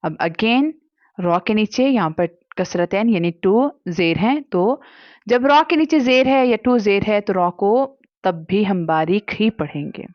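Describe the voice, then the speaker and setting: A woman's voice: mid-range voice, animated, no echo, lo-fi sound. Patient woman teaching Quran reading. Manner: patient explaining, slow drawn-out demonstrated syllables; mixes English words into Hindi speech. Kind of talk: Quran recitation lesson for kids.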